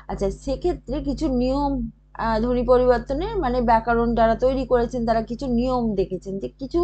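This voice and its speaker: A woman teaching a grammar class for a video, with a slightly high voice. She walks through each point patiently, pausing on fillers and checking in with a rising "okay?" after nearly every idea. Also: darkish tone. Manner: explains step by step, often checks with a rising "okay?"; frequent hesitation fillers. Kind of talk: online grammar lesson.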